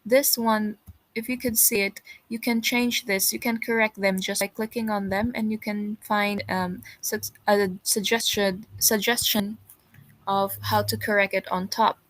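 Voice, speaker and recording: A woman's voice: mid-range voice, level tone, unhurried, a bit bright, dry recording. A woman English teacher giving patient, encouraging feedback to students in an online class over a video call.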